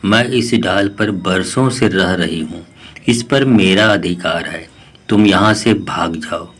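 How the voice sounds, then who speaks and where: A man voicing a sharp-tongued female myna bird in a storybook tale, scolding and curt. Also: low-pitched, slow, slightly rough, heavily acted. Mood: scornful.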